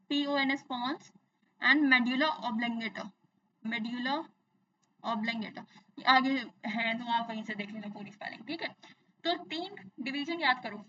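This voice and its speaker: Bright high-voiced woman teaching science. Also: far from the mic, muffled recording. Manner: explains in Hindi mixed with English, repeats terms, asks and answers own questions. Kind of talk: exam-focused science lesson.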